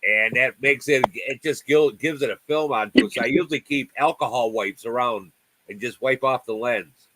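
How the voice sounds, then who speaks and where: A livestream host in his sixties chats casually from home over a video call, friendly and rambling, often restarting his sentences. His voice is medium-pitched, his pace moderate, and there's noise in the background.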